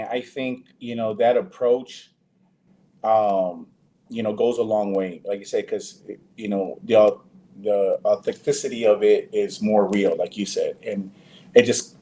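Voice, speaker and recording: A man's voice: on the low side, mellow, slight background noise. A man, an actor guest in a casual interview, talking loosely with many fillers and restarts.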